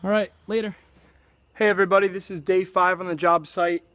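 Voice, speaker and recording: A young man filming a casual video diary outdoors at a rural building site, talking in a relaxed, chatty way with halting restarts. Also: high voice, no echo. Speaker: DIY vlogger.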